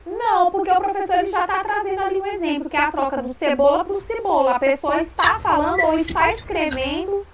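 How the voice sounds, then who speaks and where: A woman's voice: very high-pitched, fast, few pauses, reverberant, distant mic, over a noisy crowd, low-quality recording. A woman teacher giving an online lecture, explaining patiently and checking in with her students.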